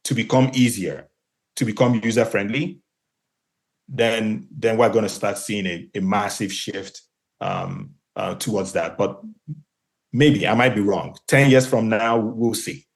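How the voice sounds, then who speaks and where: An Igbo-speaking man from Nigeria, guesting on a podcast as a marketplace co-founder and CEO, responds with a considered answer that often restarts and leans on fillers. He speaks unhurriedly in a fairly low, steady voice.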